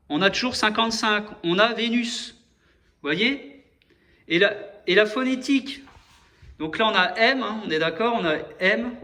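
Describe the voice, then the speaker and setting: Male host, high bright voice, rambling solo explainer who keeps correcting himself and checking in with viewers. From France. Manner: hesitant, restarts often, addresses viewers directly. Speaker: video host explaining number codes.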